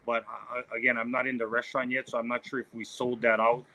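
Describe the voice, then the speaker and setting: A man from Maui, a restaurant manager, chatting casually with frequent pauses and fillers. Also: mid-range voice, rough recording. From Maui, Hawaii. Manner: relaxed, hesitant, many fillers. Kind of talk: casual chat.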